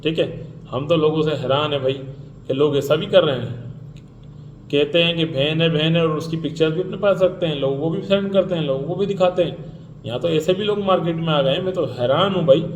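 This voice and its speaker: A man's voice: on the high side, a little hiss or hum. A man giving an indignant, ranting commentary, repeating himself and mocking others by mimicking them. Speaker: vlogger. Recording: echoey room with faint ambience.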